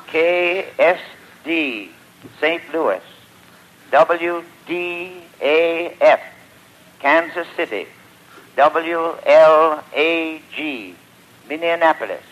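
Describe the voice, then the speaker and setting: A man announcing on the radio in a formal 1920s style, heard on an old 1924 broadcast recording, with a slow, measured, declamatory delivery. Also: a little high, a bit bright, slight background noise, rough recording.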